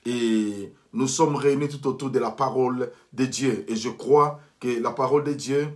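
A man's voice: medium pitch, normal speed. A man preaching a sermon as pastor, earnestly, often restarting phrases and blessing his listeners.

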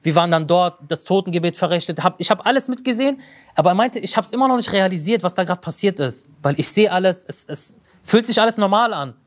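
A man's voice: high voice, expressive, quick pace. A man giving a religious lecture, telling a story vividly and explaining terms to his listeners.

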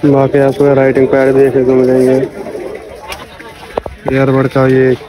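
A young man with a medium-pitched, monotone voice, speaking a little slowly, vlogs a walking tour of a crowded outdoor street market. He chats to viewers about prices while holding the camera at arm's length, with loud crowd noise around him and poor audio.

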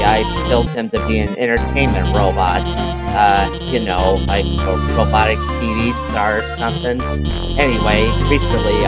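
A man's voice: fairly low pitch, lightly acted. A man voicing a nervous, nerdy female lizard scientist who stammers and rambles. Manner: stammering, rambling, filler-heavy.

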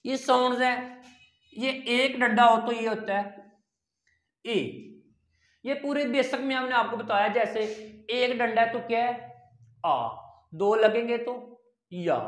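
A language teacher explains step by step, asking questions and then answering them. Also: medium pitch. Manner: counts and repeats items slowly. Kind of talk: step-by-step online language lesson. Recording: roomy echo.

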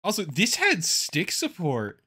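A man's voice: sits high, huge pitch swings, a little slow, bright, forceful tone, slightly rough. A man streaming a video game, chatting casually to viewers in a joking, sweary way. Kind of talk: casual game commentary to chat. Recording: noisy, game audio behind voice. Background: video game sounds.

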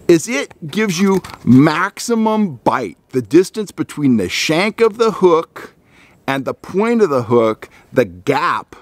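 A man's voice: medium pitch, no echo. A middle-aged man hosting a fishing channel, explaining gear to the camera outdoors in a pine forest in a plainspoken, folksy, step-by-step way. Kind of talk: casual instructional talk to camera.

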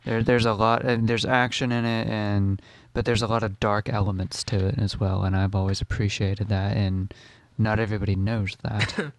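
A man's voice: fairly low pitch, level tone, moderate pace, no room sound. A man as a guest in a casual podcast chat, agreeable and chiming in briefly.

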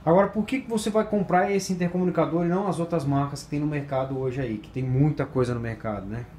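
A presenter for a motorcycle accessory shop gives a casual product review to camera, repeating himself for emphasis. His voice is on the high side, fast and a little mellow. He sits at a table by a large sunny window indoors, and ambient noise is audible in the background.

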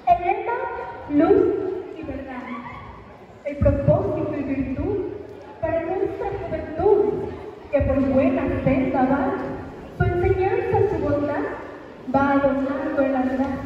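Teenage girl, Peruvian accent, grand theatrical poetry declamation, slow solemn phrases, distant muffled recording with heavy echo. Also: sits high. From Peru. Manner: theatrical, emphatic, solemn delivery with drawn-out phrases. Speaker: student contestant in a declamation contest. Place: open concrete school courtyard. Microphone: handheld microphone through PA, recorded by far camera. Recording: distant, echoey, muffled, noisy school-yard PA.

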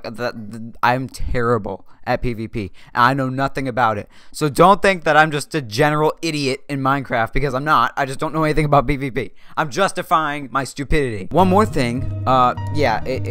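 A young man vlogging from a dark room at home into a desk mic, rambling, joking and correcting himself constantly. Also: medium pitch. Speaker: YouTuber. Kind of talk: rambling self-deprecating vlog.

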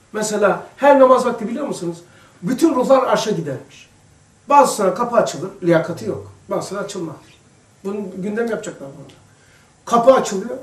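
A man giving an informal religious lesson to a small group, chatty and addressing listeners by name, moving between hushed asides and emphatic passages. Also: high-pitched. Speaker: religious teacher. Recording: echoey room, distant mic.

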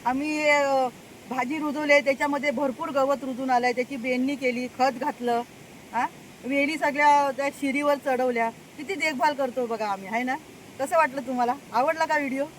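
Older female vlogger, high-pitched and chatty, talks to viewers on a handheld phone outdoors, light background noise. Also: rough recording. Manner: chatty, keeps addressing viewers, laughs often. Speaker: farm vlogger. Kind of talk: casual vlog chat. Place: outdoors on a rural farm path.

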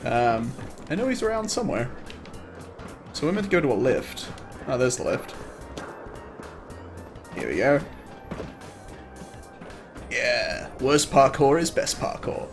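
Male streamer, casual chatty commentary, jokey, mid pitch, music clear in the background. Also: very animated, takes it slowly, long pauses. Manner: chatty, joking, laughs often. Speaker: let's play streamer.

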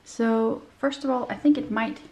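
A young woman gives a chatty, descriptive review of a handbag in a small room, using lots of fillers and sounding a bit nasal as she gets over a cold. Her fairly high voice is gravelly yet warm, with fairly even intonation at a moderate pace.

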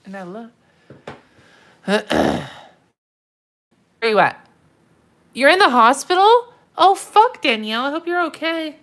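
She speaks high and slowly, pausing often, with a slightly bright tone and wildly swooping pitch, her nose stuffed enough to make her sound nasal. Working at a desk indoors, she decorates a planner on a livestream, chatting casually, muttering, answering viewers and occasionally swearing.

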